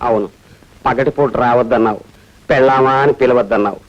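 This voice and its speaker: A man's voice: medium pitch, a little fast, natural voice. An actor playing a henpecked young man who whines in comic self-pity. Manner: whining, self-pitying comic pleading. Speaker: film actor. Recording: dull film soundtrack with music.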